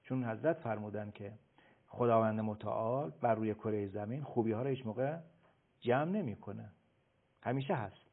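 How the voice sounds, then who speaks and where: A man explaining as a guest expert on a radio talk show, emphatic and lecturing, often pausing on filler sounds. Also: fairly low pitch. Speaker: guest expert on child behavior. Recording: phone-like radio broadcast.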